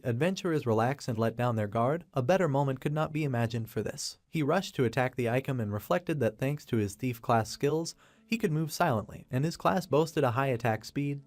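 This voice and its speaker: A man reading a comic story recap as scripted narration, in a steady, even storytelling read. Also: medium pitch, dry recording. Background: faint background music.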